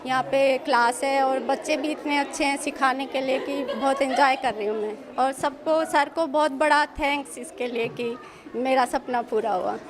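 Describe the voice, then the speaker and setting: A woman's voice: high voice, fairly even intonation, moderate pace. A woman from Haryana answering interview questions eagerly and gratefully. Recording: noisy room with crowd chatter.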